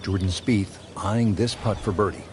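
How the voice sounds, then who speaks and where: A man working as a golf commentator, calling play as lead announcer with a measured, polished broadcast delivery. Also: lowish voice, fairly even intonation, close to an everyday voice. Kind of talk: golf video game commentary. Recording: music and crowd noise behind. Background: music, loud crowd.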